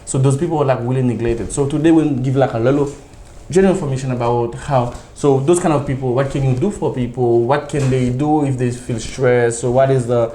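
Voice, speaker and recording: A man's voice: mid-range voice, fairly quick, mellow. A man hosting a TV interview show, chatty and eager, laughing and firing off follow-up questions. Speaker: TV show host. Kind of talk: casual interview. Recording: roomy with faint noise.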